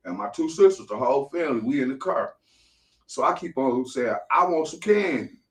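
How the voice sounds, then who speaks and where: Animated man telling a story on radio. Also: medium pitch, fairly quick, roomy sound. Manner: animated storyteller, laughs often. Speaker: radio show co-host. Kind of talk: casual storytelling chat.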